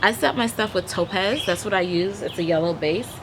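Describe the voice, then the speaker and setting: A woman's voice: mid-range voice, fairly quick. Young woman vlogging outdoors, noisy background. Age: young adult. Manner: chatty, explains step by step while applying makeup. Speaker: beauty vlogger giving a makeup tutorial. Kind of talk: casual vlog tutorial, talking to camera. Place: backyard outdoors, leafy garden. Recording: noisy outdoor ambience, traffic hum. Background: outdoor ambient noise.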